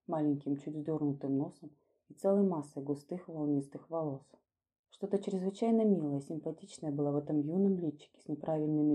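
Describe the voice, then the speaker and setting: A woman reads an old story aloud in a measured, literary way. Her voice is low and very dark with a husky edge. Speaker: narrator. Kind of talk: storybook reading.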